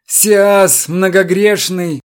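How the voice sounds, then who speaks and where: A man's voice: high-pitched, steady tone, drawn-out words, clear, resonant tone, voice pushed up. A man voicing a cowed, despairing male deputy director who mutters faint-heartedly.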